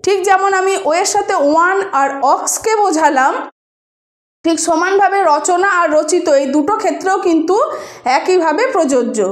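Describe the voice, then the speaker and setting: A woman's voice: very high-pitched, roomy sound. A woman teacher patiently explaining a grammar lesson to students, often asking them questions. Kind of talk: spoken Bengali grammar lesson.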